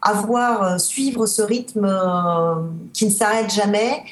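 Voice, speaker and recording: A woman's voice: medium pitch, slow. Thoughtful woman in a roomy studio. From Spain. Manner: thoughtful, many restarts and hesitations. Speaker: guest, guidebook author living abroad. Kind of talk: casual radio interview.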